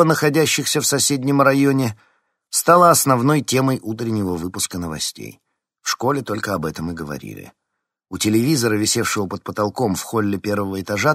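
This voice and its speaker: A man's voice: fairly low pitch, fairly bright tone, no echo, studio quality. A man reading a novel aloud as scripted narration, giving each character a voice. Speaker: audiobook narrator.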